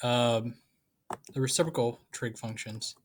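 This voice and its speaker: A man's voice: medium pitch, unhurried, slight background noise. A man teaching a math lesson in a casual, playful way with joking asides. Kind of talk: casual lecture.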